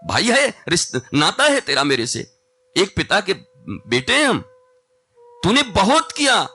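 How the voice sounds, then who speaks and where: A man's voice: high-pitched, huge pitch swings, a little slow, sharp tone, breathy edge, pitched above the performer's own voice, heavily acted. A preacher voicing a tearful, grateful god-king. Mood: moved, insistent. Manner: emotional, insistent. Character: adult male god-king, tender and grateful.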